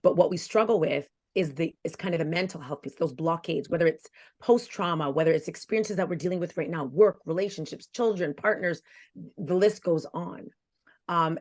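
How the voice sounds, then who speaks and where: A woman in her forties, a health coach guest on a podcast interview, speaking in an earnest, reflective way and often repeating phrases for emphasis. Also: deep voice. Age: 40s.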